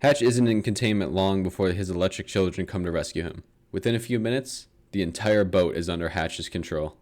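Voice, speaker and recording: A man's voice: low voice, fairly quick, a little mellow, slight background noise. A young man narrating a comedic book summary in a sarcastic tone, swearing freely and laughing at his own lines.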